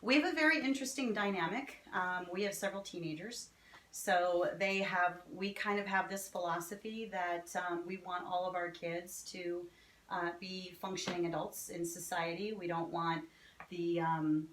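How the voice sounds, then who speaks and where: A woman in her forties with a New Jersey accent chats cheerfully as an author being interviewed, laughing easily in a casual, upbeat exchange. Her voice is on the low side, steady and fairly bright, at normal speed. The recording sounds roomy, with faint background noise.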